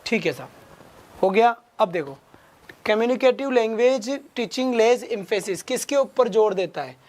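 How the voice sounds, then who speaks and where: Brisk male teacher urging students on. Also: high voice, expressive, darkish tone. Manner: rapid Hindi-English mix, urges students with quick questions. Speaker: exam-prep English teacher. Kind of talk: online class lecture.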